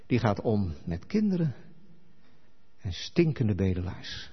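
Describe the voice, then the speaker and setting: Husky-voiced male preacher in an echoing hall. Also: lowish voice, slow pace. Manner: animated storytelling, acting out quoted dialogue. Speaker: pastor. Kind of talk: sermon. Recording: echoey hall, dull lo-fi sound.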